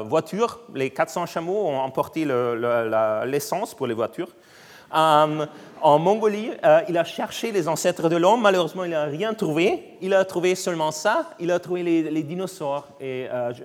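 A man lectures in a fairly high-pitched voice with a foreign accent in French, clearly not his first language. He hesitates often and repeats small words as he searches for the next one. The sound carries the long reverb of a lecture hall. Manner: halting, searching for words, frequent hesitations and repetitions. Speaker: invited academic speaker, researcher. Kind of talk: academic lecture.

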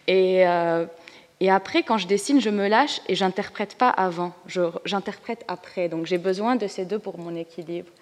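A woman's voice: fairly low pitch, normal speed, long reverb tail. Candid woman with a Lebanese French accent. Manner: candid, lively, laughs easily, mixes in English words. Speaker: comics artist on a panel. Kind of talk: panel discussion.

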